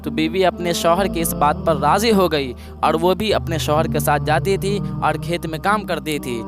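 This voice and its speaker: A man's voice: fairly high pitch, over music. A man preaching through a moral story, repeating and restarting his phrases and calling his listeners brothers.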